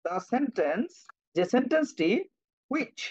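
A man's voice: very high-pitched, sing-song, slow pace, a little mellow, husky. Man, children's English teacher, online class, patient, repetitive, spells words out, muffled lo-fi mic. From Bangladesh. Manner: patient, repeats and spells words out, checks on students by name. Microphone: cheap computer microphone. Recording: dull lo-fi online-class audio.

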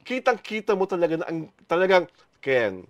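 A man's voice: high-pitched, very animated, normal speed, no echo. A man hosting a showbiz talk show, chatting casually in a gushing, playful way as he heaps praise. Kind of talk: casual showbiz chat in Taglish.

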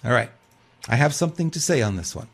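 A man's voice: mid-range voice, animated, fast talker, gravelly, slightly rough. An older man co-hosting a political news talk show, reading news aloud and commenting casually with rhetorical questions and frequent restarts.

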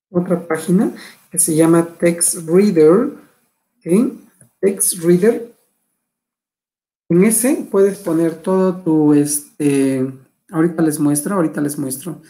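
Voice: medium pitch, vocal fry, dark tone, low-quality recording. A teacher giving an online English class lecture, hesitant, with many fillers and self-corrections.

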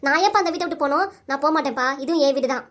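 Cartoon daughter, young woman with a southern Tamil accent, voiced by a woman; very high, rapid voice. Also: fairly bright tone. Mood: pleading. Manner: pleading, then firmly defiant. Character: young adult daughter, defiant over her love match.

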